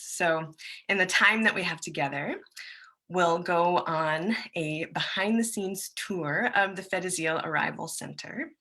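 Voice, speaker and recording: A woman's voice: on the low side, bright, forceful tone. An American woman giving a friendly, chatty conference presentation over a video call, with plenty of loose fillers. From United States. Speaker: presenter, musician and songwriter.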